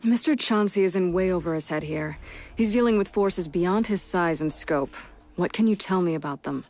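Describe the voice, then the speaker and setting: A woman's voice: on the low side, normal speed, darkish tone, close to an everyday voice. An actress voicing a cool, commanding female agent who interrogates a suspect in a video game cutscene, speaking firmly and businesslike. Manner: firm, businesslike.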